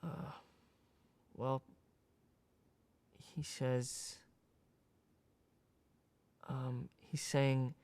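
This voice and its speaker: An actor playing a distressed man in a counseling demonstration, talking haltingly with many pauses and fillers. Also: medium pitch, level tone, a little mellow. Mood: uneasy. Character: anxious young man reliving a painful memory. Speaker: preclear in a demonstration session.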